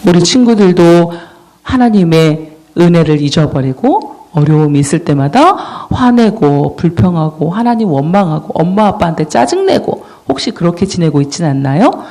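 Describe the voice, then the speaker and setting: Lively children's sermon narrator who quizzes the kids as the story goes. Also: mid-range voice, normal speed. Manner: storytelling, asks the children questions. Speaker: children's ministry preacher.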